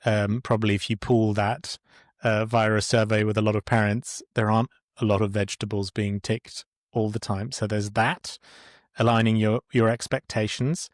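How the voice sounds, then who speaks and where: A man hosting a podcast interview in a casual way, often pausing with fillers and restarting his sentences. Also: on the low side, level tone, no room sound, clean studio sound. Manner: hesitant, many fillers and restarts. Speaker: podcast host.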